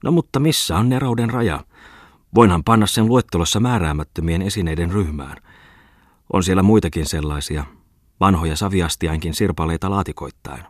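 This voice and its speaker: A jovial, boastful collector in a storybook reading, as a male narrator puts him on. He talks with a low, hearty voice, lively and pleased with himself. The sound is close and dry. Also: no room sound. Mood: musing.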